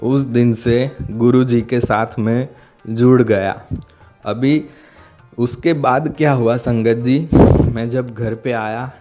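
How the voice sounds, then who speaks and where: Earnest man with a dark, mellow voice. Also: mid-range voice, fairly even intonation, soft background music. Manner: halting, searching for words, frequent restarts; earnest and heartfelt. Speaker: devotee sharing a testimony. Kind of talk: emotional personal testimony.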